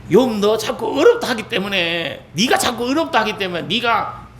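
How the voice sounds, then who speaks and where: A man's voice: high-pitched, sing-song, normal speed, fairly bright tone, a little hiss or hum, pitched above the performer's own voice. A man voicing an angry older biblical man who scolds his friends heatedly and emphatically. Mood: angry rebuke.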